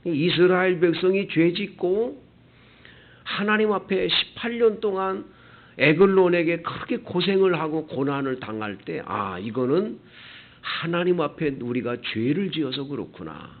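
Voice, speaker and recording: A man's voice: fairly high pitch, lively intonation, unhurried. A man preaching a dawn prayer sermon as pastor, emphatic and full of rhetorical questions. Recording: tinny lo-fi phone-like sound.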